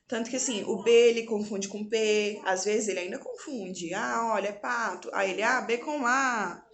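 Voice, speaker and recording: A woman's voice: fairly high pitch, moderate pace, slight background noise. A woman from Brazil giving casual parenting tips to her phone camera at home, chatty, asking and answering her own questions. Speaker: parenting vlogger. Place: home, indoors.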